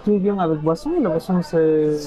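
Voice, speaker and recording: A man's voice: fairly high pitch, steady tone, normal speed, dark tone, rough recording. A man chatting casually as a companion in a vlog, asking short questions. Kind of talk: casual chat.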